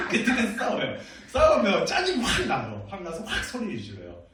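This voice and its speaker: A man's voice: high-pitched, wildly swooping pitch, moderate pace, bright, forceful tone. A middle-aged man preaching to teenagers as senior pastor, playful and full of questions and laughs. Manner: playful, asks the youth questions, laughs often. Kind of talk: youth sermon. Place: church hall. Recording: echoey room, from a distant mic.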